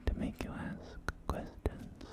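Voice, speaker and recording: With soft music playing, a breathy whispering voice performs an ASMR scene as a polite, genteel real estate agent. The speech is slow, tentative and elegantly phrased.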